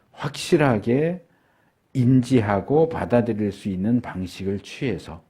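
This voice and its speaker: A middle-aged male pastor delivering a sermon, unhurried, with frequent filler pauses and slowed words for emphasis. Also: lowish voice, mellow, slightly rough.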